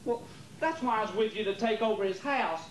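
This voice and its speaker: On a roomy, noisy 1980s rehearsal tape from a theater, a man with a high-pitched, natural voice speaks a little fast. In an amateur stage play he portrays a troubled, loyal nephew who indignantly defends his uncle.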